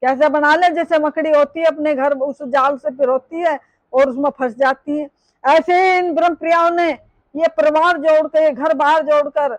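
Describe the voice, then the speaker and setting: A woman giving a devotional discourse. She sings slow verses twice each, then breaks into quick spoken explanation. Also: high-pitched, dry recording, poor audio. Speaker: devotional preacher. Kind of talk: devotional discourse with sung bhajan lines.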